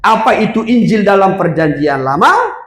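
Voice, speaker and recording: A man with a high voice preaches a sermon in an echoey hall. He explains scripture, leans on "ya" and "saudaraku", and swells into emphatic shouted lines. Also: wildly swooping pitch, moderate pace. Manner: preaching with call-and-response, rising to emphatic shouts. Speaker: pastor. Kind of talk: sermon with congregation reading verses.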